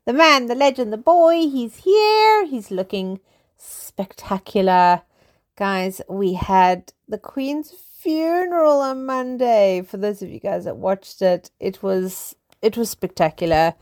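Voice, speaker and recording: A woman's voice: a little high, lively intonation, slow, darkish tone, no echo, studio quality. Chatty woman podcaster. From South Africa. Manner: rambling, repeats words, chatty and upbeat. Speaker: podcast host. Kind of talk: casual solo podcast chat. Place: small flat at home.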